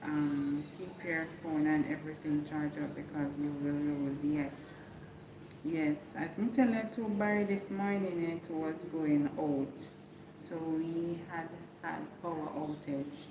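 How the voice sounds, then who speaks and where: A woman with a Jamaican accent chatting casually to viewers in a live check-in, often repeating phrases for emphasis. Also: low voice. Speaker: livestreamer giving a hurricane update. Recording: echoey room with clear background noise.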